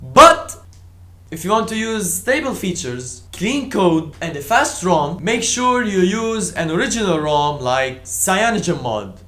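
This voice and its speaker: A man's voice: high voice, very animated, a little slow, hardly any pauses, a bit bright. A man giving a scripted tech explainer vlog from a home balcony, with dry sarcastic humor and punchy emphasis. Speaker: tech vlogger.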